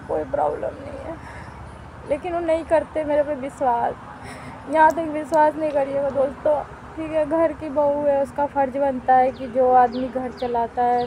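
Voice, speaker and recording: A woman's voice: high voice, warm tone, a little hiss or hum, low-quality recording. A middle-aged woman talking to her viewers in a home vlog, plaintive and complaining, often going back over the same points. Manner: plaintive, complaining, repeats herself. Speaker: vlogger. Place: at home by a wood stove, outdoors.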